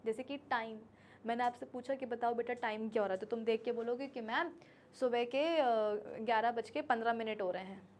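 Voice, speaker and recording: A woman's voice: fairly high pitch, a little fast, a little mellow, a little hiss or hum. A woman teaching a physics class, chatty, acting out little scenes and her students' replies, often checking that they understand. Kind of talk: classroom lecture in Hindi with English terms.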